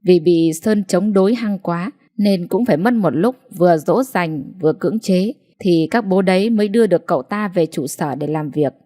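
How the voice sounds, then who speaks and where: A woman reading a scripted village drama story aloud, steady and even. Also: on the low side, moderate pace, hardly any pauses.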